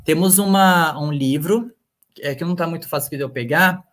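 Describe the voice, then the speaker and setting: A man's voice: on the high side, normal speed, a bit bright. A male literature professor giving a live online lecture over a computer mic, hesitant and full of fillers and restarts.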